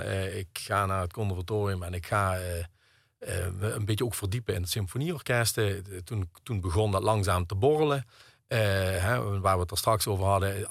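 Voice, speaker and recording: A man's voice: lowish voice, vocal fry, dry recording, clean studio sound. A middle-aged man, a percussionist and conductor talking hesitantly in an interview, full of fillers and restarts. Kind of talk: radio interview conversation.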